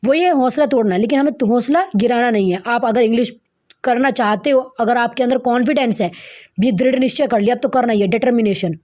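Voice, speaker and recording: A young woman teaching English vocabulary as a lesson, explaining each word and repeating key terms slowly for emphasis. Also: fairly high pitch, a little mellow. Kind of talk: Hindi-language vocabulary lesson.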